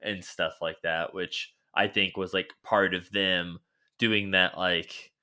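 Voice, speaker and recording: A man's voice: deep voice, steady tone, slow pace, bright, forceful tone, smooth. A man chatting as a guest on a podcast, easygoing and hesitant, filling his talk with "like". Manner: hesitant, filler-heavy, easygoing. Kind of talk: casual chat.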